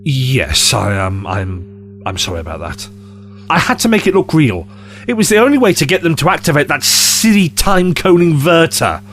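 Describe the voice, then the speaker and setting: Breezy male alien adventurer, played by a man, teasing and theatrical, very lively, fairly high pitch, audio drama. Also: moderate pace, faint music behind. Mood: apologetic. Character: breezy, cheeky alien time-traveller, playfully teasing adventurer.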